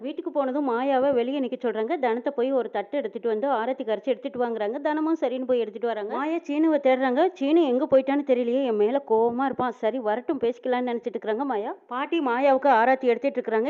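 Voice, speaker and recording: A woman quickly retelling a TV serial episode, voicing each character's lines in her own storytelling voice. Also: fairly high pitch, warm tone. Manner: quick storytelling with reported speech. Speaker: serial recap narrator. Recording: phone-like narrow sound.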